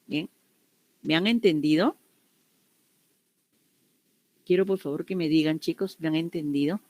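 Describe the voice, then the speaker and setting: A woman teaching English explains grammar to her online students in a low, darkish voice, speaking a little slowly. She patiently goes over each example again and frequently makes sure they've understood.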